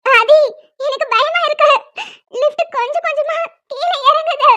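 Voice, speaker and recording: A frightened young woman trapped in a lift, voiced by a woman in a cartoon calls for help in a very high, thin, squeaky voice. She pleads and cries out, her voice climbing as she begs. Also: normal speed, bright, forceful tone. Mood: panicked. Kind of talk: cartoon voice acting.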